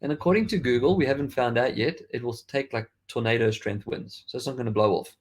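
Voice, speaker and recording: Talking fast in a mid-range voice, a South African man with a faded accent hosts a podcast of casual tech chat. He rambles and restarts often.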